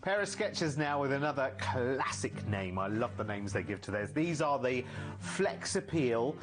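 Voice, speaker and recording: A man's voice: mid-range voice, sing-song, moderate pace. A man presenting live TV shopping, chatting and joking with co-hosts while reading out order codes and prices. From not from Yorkshire. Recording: studio with music behind.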